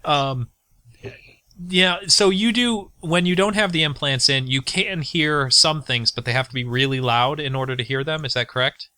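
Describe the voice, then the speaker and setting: A man hosting a podcast, asking questions in a halting way with restarts. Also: a little high, sharp tone, clear, resonant tone, dry recording. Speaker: podcast host. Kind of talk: casual interview.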